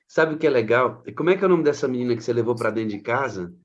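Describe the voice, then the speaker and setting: A man's voice: medium pitch, animated, very fast, highs cut off. A Brazilian man speaking as pastor, encouraging a church member and tying her story to scripture. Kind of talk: pastoral conversation.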